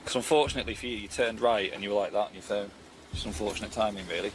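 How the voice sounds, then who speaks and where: A man's voice: fairly low pitch, fairly even intonation, rapid-fire. A man, a traffic officer talking casually and matter-of-factly on the job. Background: music and vehicle sound.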